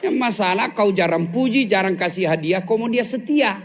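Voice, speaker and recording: Male preacher, high-pitched, joking sermon style, faint background noise. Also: moderate pace. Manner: joking, teasing the audience, acting out little scenes. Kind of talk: humorous sermon to a live audience. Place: police headquarters hall with audience.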